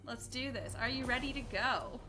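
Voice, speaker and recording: Bright, upbeat woman hosting a stream. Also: on the high side, faint music behind. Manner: upbeat, brisk countdowns. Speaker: speedathon event host. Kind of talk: livestream hosting.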